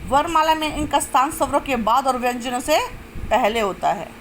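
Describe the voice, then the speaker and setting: A woman teaching a grammar lesson step by step, asking questions and answering them herself, and drawing out sounds slowly to show them. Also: high voice, fairly bright tone, slight background noise, poor audio. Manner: explains step by step, asks and answers own questions. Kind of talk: classroom-style lesson.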